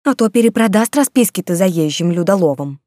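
Woman playing a loud scolding plump laundress. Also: fairly low pitch, expressive, brisk, dry recording, studio quality, close to an everyday voice. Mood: agitated scolding. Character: plump rosy gossiping laundress, fretful, quick-tempered.

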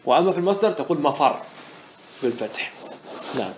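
A man teaching a grammar lesson as a scholar, explaining a classical poem line by line, saying each word form twice and asking his listeners quick questions. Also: fairly high pitch, lively intonation, a little hiss or hum. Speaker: Islamic scholar teaching Arabic morphology.

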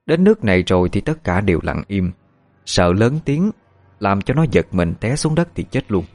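A man narrates a horror story in a measured way. His voice sits on the low side, and faint music plays underneath. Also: big pitch swings, a little mellow, dry recording.

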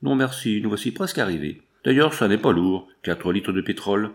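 A man reading an audiobook voices a young widowed mother, answering softly but firmly. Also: fairly low pitch, expressive, brisk. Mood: calm. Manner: soft, restrained replies.

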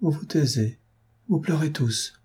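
A man reading aloud who voices an anguished young woman, pleading and emotional, raising his pitch for her lines. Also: lively intonation, measured pace, warm tone, breathy edge, heavily acted. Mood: pleading, tearful. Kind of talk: audiobook character reading.

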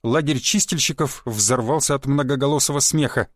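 A man narrating a first-person adventure audiobook in a wry, even storytelling manner. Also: medium pitch, a little fast, dry recording, studio quality.

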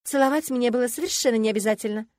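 A woman voicing a feisty young woman student in an audiobook, speaking in loud, indignant exclamations. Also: fairly high pitch, rapid-fire, no echo, studio quality, pitched above the performer's own voice, lightly acted.

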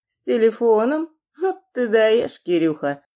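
A crude, leering thug, as a woman narrator puts him on, burly and shaven-headed. He sneers and jeers, his pitch bouncing in wide swings. An audiobook voice. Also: very animated, measured pace, warm tone. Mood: mocking. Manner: mocking, leering. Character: burly tattooed male thug, mocking and crude. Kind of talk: audiobook character reading.

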